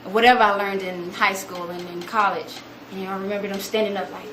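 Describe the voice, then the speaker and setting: A young woman gives an animated storytelling talk to an audience, acting out quotes in a higher voice. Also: fairly quick. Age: young adult. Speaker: student speaker. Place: room with an audience. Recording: echoey room, noticeable background noise.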